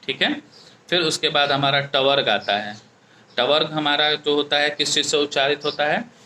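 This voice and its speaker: Bright-voiced male teacher. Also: mid-range voice, slight background noise. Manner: explains step by step, keeps asking "ठीक है?". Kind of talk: exam-prep grammar lesson.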